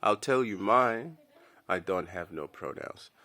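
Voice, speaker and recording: A vlogger whose first language is Dinka rants straight to camera with a blunt, slangy opinion, repeatedly calling the listener "bro" and stumbling and repeating words as he thinks. His voice is on the low side and sharp in tone, with lively intonation and a measured pace.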